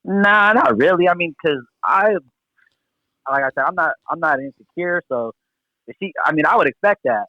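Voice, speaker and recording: A man's voice: fairly high pitch, expressive, normal speed, sharp tone, no echo. A man in casual conversation, slangy and repeating his phrases in agreement, on a dull radio-like recording. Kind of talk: casual chat.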